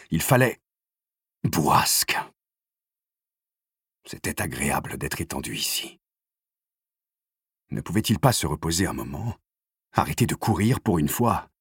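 A man reads an audiobook aloud in a measured, steady narration. His voice sits very low with a husky grain. The recording is dry and close, with no room sound. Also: dry recording.

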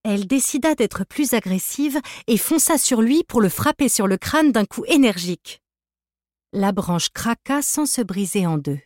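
A woman narrating a novel as an audiobook in a measured, even reading. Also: a little high, dry recording, studio quality. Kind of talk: scripted narration.

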